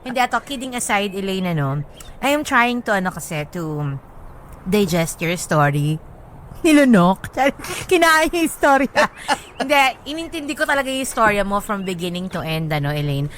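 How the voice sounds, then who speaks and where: A woman hosts a radio advice segment full of casual, playful banter, joking and switching between languages. Her medium-pitched voice is very animated and a bit bright at a normal speed. There's a little hiss or hum.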